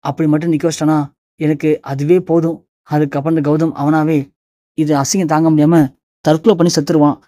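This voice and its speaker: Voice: medium pitch, flat delivery, fairly quick, dark tone, dry recording, studio quality, natural voice. A narrator voicing a scheming middle-aged man who gloats with contempt. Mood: gloating.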